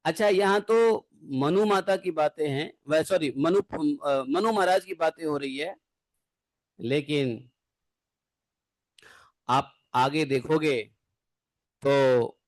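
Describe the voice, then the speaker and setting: A man's voice: a little high, slow pace, pauses often. A man giving a devotional scripture lecture in a conversational way, asking his class rhetorical questions and adding playful asides.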